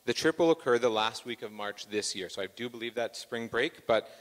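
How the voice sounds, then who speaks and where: A man's voice: mid-range voice, a little fast, big-room sound. A man hosting church announcements in a joking, self-deprecating way, with plenty of fillers. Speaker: church host doing announcements. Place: church sanctuary.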